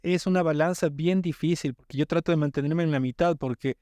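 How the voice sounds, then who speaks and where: A man's voice: a little high, brisk, a little mellow, dry recording. Emphatic man explaining in a dry room. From Ecuadorian coast. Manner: emphatic, explanatory, repeats words when starting. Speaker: guest music producer. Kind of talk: casual podcast chat.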